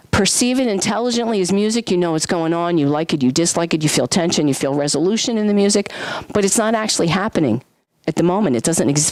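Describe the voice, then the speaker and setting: This music instructor speaks in a low, lively voice during a classroom lecture, singing solfege and vocal sound effects to demonstrate. She asks the class frequent questions, and there is no echo.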